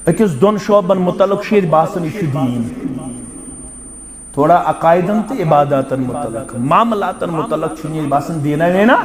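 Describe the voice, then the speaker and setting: A man preaching with a strikingly high voice, swinging from forceful, raised bursts down to quieter, lower asides. He chants verses slowly and stresses key words. A crowd murmurs around him at a live gathering. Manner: emphatic oratory with sudden high bursts and low asides. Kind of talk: sermon.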